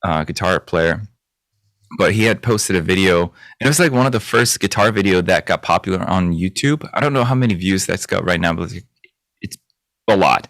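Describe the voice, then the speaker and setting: A man, a guest chatting casually in an interview and often pausing on fillers. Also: low-pitched, dry recording, studio quality. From South Korea. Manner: hesitant, many fillers and restarts, animated when recounting. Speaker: guest guitarist and music producer.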